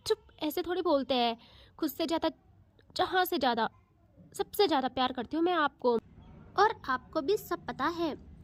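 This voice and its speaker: A woman voicing a young woman who coaxes and pleads in a soft tone. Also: sits high, expressive, normal speed, long pauses. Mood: pleading. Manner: coaxing, pleading.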